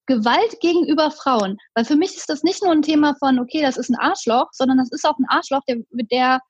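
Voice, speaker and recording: High-voiced woman telling a story. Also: brisk, no room sound, highs cut off. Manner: animated retelling, acting out a quarrel. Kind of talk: casual chat, storytelling.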